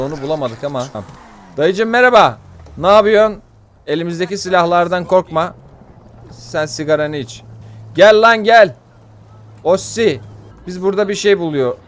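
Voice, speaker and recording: A man giving chatty let's-play commentary, swearing jokingly and getting loud and panicky when things go wrong. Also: medium pitch, a little hiss or hum. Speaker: gaming YouTuber.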